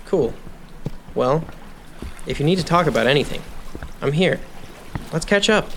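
A man's voice: on the high side, expressive, unhurried. A young man acts an earnest teenage boy who speaks to reassure his friends. The drama delivery is natural and everyday. Faint ambient noise runs behind him.

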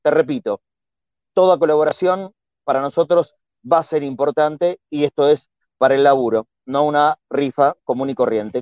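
An Argentine man with a fairly high voice earnestly asks listeners for donations, going over the details twice. The recording sounds muffled and dry, as if boxed in. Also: no room sound. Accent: Argentine Spanish. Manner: earnest, repeats himself. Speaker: radio host asking for donations.

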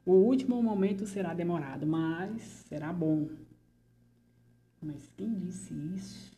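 A woman's voice: on the low side, animated, normal speed, mellow, a little hiss or hum, close to an everyday voice. A woman playing a frightened male artist under interrogation, who stammers nervously and slips into whispers in a theatrical monologue. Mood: anxious.

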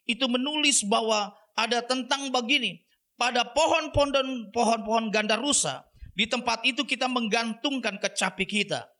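A man's voice: sits high, bright, forceful tone. A male pastor preaching a sermon, emphatic and repetitive, addressing the congregation directly. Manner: repeats catchphrases, emphatic preaching.

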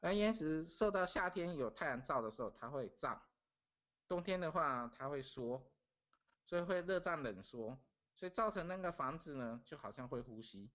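This podcast guest, a middle-aged man from Taiwan, has a slightly high, somewhat bright, expressive voice and a moderate pace. He tells his story casually and earnestly, going back over phrases as he goes.

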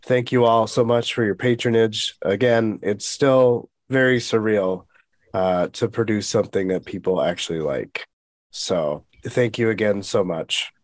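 Joking podcast co-host, dry sound. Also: male voice, lowish voice, unhurried, no room sound. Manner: jokey, rambling, with fillers. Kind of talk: casual chat.

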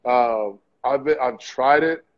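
A man's voice: medium pitch, slow. Easygoing man, muffled sound. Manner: agreeable, fillers like "like" and "um". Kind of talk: casual chat.

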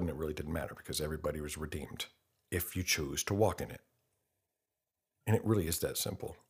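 His low-pitched voice carries a breathy edge as he speaks. He's a podcaster in his fifties launching into a fervent, blunt monologue, asking rhetorical questions and mimicking others with scorn.

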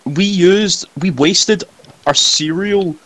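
A man's voice: high voice, slow, fairly bright tone, no echo, rough recording. A young man joining a casual streamed chat, laid-back and joking.

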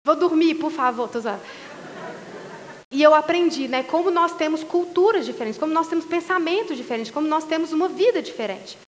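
A woman with a high voice preaching a sermon at a church service. She speaks in a relaxed, joking, conversational way. Her voice carries a long reverb from the large hall around her. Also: a little fast, lo-fi sound.

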